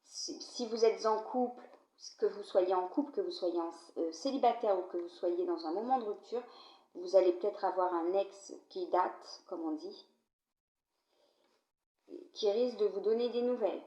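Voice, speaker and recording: At a moderate pace and with a dark tone, a woman who has a cold gives a tarot-style card reading to camera, coughing now and then. She chats straight to the viewer, often checking in with a "d'accord?". The home recording is quiet, dull and roomy.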